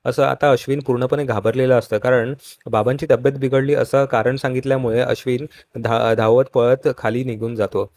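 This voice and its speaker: A man narrating a TV serial recap in steady storytelling voice-over, addressing viewers as friends. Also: mid-range voice, moderate pace, dry recording, studio quality. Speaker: show recap host.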